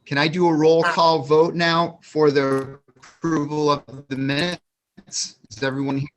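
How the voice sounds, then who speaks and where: A man chairing a committee meeting over a video call, halting with ums, his audio choppy and breaking up. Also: a little high, little pitch movement. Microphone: computer on a video call.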